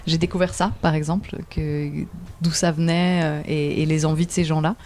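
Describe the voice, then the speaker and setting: A woman talks as a guest in a casual radio interview. Her voice sits fairly low and sounds dark and mellow. She hesitates a lot, filling pauses with small sounds and chuckling now and then. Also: level tone. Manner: hesitant, many fillers, laughs often. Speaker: theatre director, guest.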